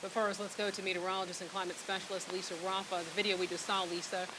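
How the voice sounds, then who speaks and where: A woman anchor talks quickly in a flat, even pitch in live broadcast style. A clear rushing hiss sits over the recording. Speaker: news anchor.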